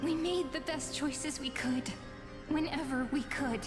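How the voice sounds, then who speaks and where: An actress playing an earnest, sorrowful young heroine in a fantasy video game. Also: female voice, high voice, steady tone, measured pace. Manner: earnest, lamenting. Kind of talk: scripted video game dialogue. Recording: long hall reverb, music behind.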